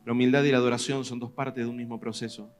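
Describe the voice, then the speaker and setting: A man with a Rioplatense Spanish accent, a pastor preaching a sermon in a lively, conversational way, pressing questions on his congregation. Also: mid-range voice, fast talker, faint music behind. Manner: animated preaching, rising loud on questions to the congregation.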